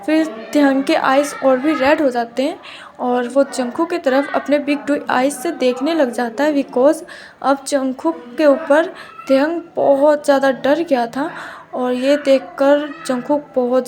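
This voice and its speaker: A woman's voice: high voice, fairly even intonation, unhurried, background noise. A woman casually narrating a fan fiction romance, chatty and mixing in English words. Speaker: storyteller.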